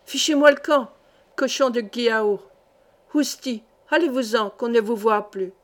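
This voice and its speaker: A woman's voice: medium pitch, moderate pace, darkish tone, close to an everyday voice. A woman reading aloud voices a fat, brutal male gendarme who barks orders with contempt in a storybook. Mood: barking. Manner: barking, contemptuous.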